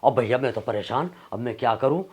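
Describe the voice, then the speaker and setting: A man with a Haryanvi accent, doing comic sketch monologue as Jamila, a gossiping, scolding middle-aged housewife. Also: brisk. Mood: gossipy. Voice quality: high-pitched, scolding, chatty. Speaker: comedian playing Jamila Aapa. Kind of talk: sketch comedy monologue in a put-on woman's voice. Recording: loud background music.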